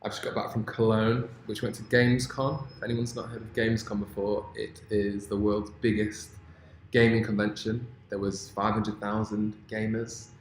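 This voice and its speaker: A man co-hosting a casual podcast, chatty and quick to laugh. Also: lowish voice, little pitch movement, a little hiss or hum. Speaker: podcast co-host. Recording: echoey room, faint ambience.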